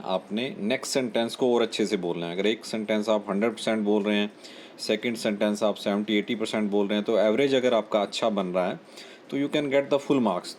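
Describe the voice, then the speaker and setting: A man's voice: fairly low pitch, darkish tone. A man giving a spoken exam-prep lesson as a trainer, explaining steadily and mixing in English phrases. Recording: echoey room with faint ambient noise.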